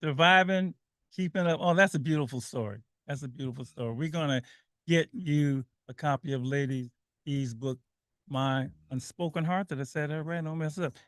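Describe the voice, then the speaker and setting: A man hosts a call-in radio show with energy, repeating himself and laughing easily. His voice sits high and sounds bright and ringing. The studio sound is close and dry. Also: moderate pace, no room sound. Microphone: studio microphone.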